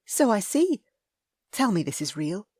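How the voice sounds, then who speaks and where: A woman voicing an earnest, lovestruck young noble lady in a romance audiobook, eager and breathy. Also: medium pitch, big pitch swings, unhurried, darkish tone, no room sound, studio quality, voice pushed up.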